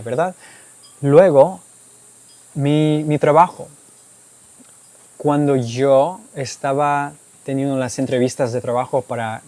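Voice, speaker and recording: Warm-voiced man explaining in learned Spanish. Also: mid-range voice, no echo. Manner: explanatory, tags statements with "¿ok?" and "¿verdad?"; speaks Spanish as a learned second language. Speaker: YouTuber answering viewer questions. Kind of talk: casual Q&A monologue.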